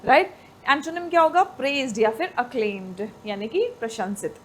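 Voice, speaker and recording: Woman teacher going over vocab words, pretty high voice, slow patient explaining, keeps asking "theek hai?", bit of faint noise in the background. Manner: explains slowly, repeats "ठीक है?" often, spells words out. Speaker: vocabulary teacher for exam prep. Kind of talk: Hindi-English vocabulary lesson.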